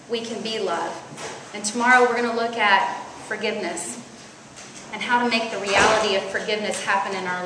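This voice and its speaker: Loud storytelling woman in an echoey hall. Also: mid-range voice. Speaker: conference speaker. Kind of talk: storytelling sermon. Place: large hall at a church retreat. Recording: echoey hall, faint noise.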